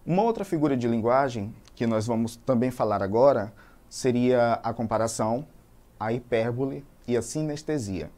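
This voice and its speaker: A man with a Brazilian Portuguese accent teaching a recorded language lesson, reading example sentences aloud and explaining them slowly and methodically. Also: mid-range voice, lively intonation, darkish tone.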